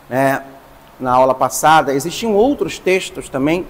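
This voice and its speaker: A man, a priest, teaching a class, explaining slowly and stressing each term. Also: a little high, long reverb tail. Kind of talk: lecture.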